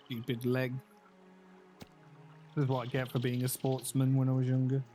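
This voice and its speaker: A man's voice: mid-range voice, completely flat delivery, unhurried, mellow, faint music behind. Teasing man on a gaming stream. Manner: teasing, crude humor. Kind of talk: casual banter while gaming.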